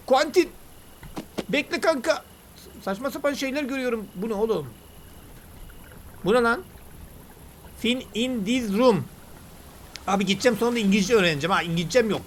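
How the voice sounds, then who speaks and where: Chatty, excitable male gamer. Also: sits high, a little hiss or hum. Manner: chatty, excitable, slangy banter. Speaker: gaming YouTuber. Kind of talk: let's play commentary.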